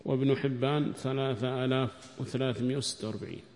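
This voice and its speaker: A man teaching a hadith commentary lesson, repeating each phrase slowly for students to write down, reciting quoted text louder and higher. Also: fairly even intonation. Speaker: Islamic studies teacher. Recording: long hall reverb.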